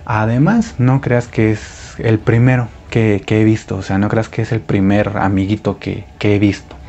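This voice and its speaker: A man voicing a gentle adult male priest who talks softly and coaxingly. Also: on the low side, steady tone, normal speed, dull audio, natural voice.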